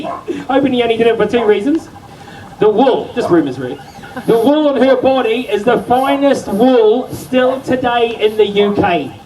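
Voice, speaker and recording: A man's voice: high-pitched, noisy background. A middle-aged man presenting a live sheep show, joking and hyping the crowd. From New Zealand. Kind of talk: live stage show patter. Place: outdoor county show stage. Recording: far from mic, music playing.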